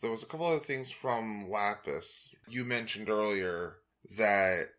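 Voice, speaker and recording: Bright-voiced male podcast co-host. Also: lowish voice, unhurried. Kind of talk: casual fan discussion.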